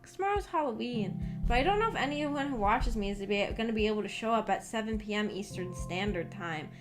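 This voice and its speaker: A woman VTuber chats casually with her viewers on a livestream, rambling and hesitant as she thinks aloud. Her mid-range voice has lively intonation and a fairly quick pace, with background music playing.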